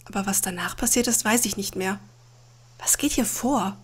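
A woman playing a video game and reading all of its dialogue aloud in her own voice, with dramatic, expressive delivery. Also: medium pitch, moderate pace. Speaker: Let's Play gamer.

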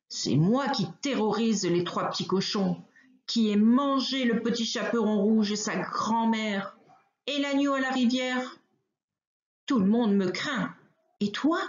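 A vain bully of a wolf from a children's storybook, boastful and growling, as a woman reads him. His lines rise and fall with a lot of swing and come out slowly, and the sound is roomy and a little dull. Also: a little high, darkish tone. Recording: roomy, slightly dull recording.

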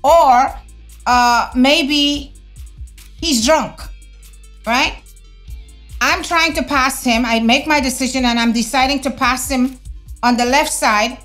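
A middle-aged woman talking to camera in a casual opinion vlog at home, animated and conversational with slangy asides. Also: high-pitched. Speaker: vlogger. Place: home room, indoors. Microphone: fixed camera at desk.

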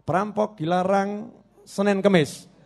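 A man's voice: sits high, steady tone, a little slow, darkish tone. A man voicing a puzzled, probing man who keeps questioning a former robber in disbelief. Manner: questioning, incredulous.

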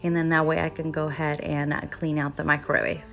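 A woman's voice: deep voice, flat delivery, a little fast, gravelly, a bit bright. A young woman chatting casually with her viewers in a cleaning vlog voice-over, speaking straight to them. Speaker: cleaning vlogger. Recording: background music.

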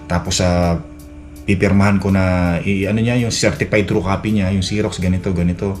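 Isang lalaking vlogger na nakatira sa Canada at kaswal na nagkukuwento ng sariling karanasan, paulit-ulit na nauutal at maraming "ano". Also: male voice, low-pitched, little pitch movement, moderate pace, a little mellow. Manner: rambling, many restarts and fillers, acts out quoted dialogue. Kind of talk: casual storytelling vlog. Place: Edmonton, Canada. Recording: faint music behind.

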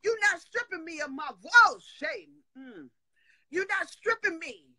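Speaking into a webcam on a live video call from a room in her home, a middle-aged woman hosts a prophetic talk stream, delivering fiery preaching full of emphatic declarations and call-and-response asides. Her very high-pitched voice is expressive, unhurried, pushed, and bright, with no room sound.

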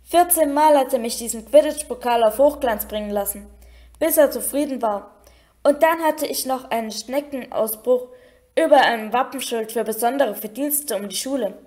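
A woman's voice: high voice, normal speed, a little mellow, lightly acted. Grumbling schoolboy, read by a woman, complaining, puzzled, storybook. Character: grumbling, puzzled twelve-year-old schoolboy.

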